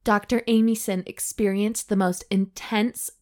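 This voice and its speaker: A woman co-hosting a comedy podcast, reading a story aloud in a mock-serious, deadpan way between bits of banter. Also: medium pitch, a little slow.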